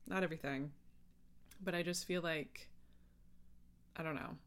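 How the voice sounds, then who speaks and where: On her own podcast, a woman talks casually in a low, steady, slightly bright voice at a somewhat slow pace. Her speech wanders, breaks off mid-thought, and is packed with fillers.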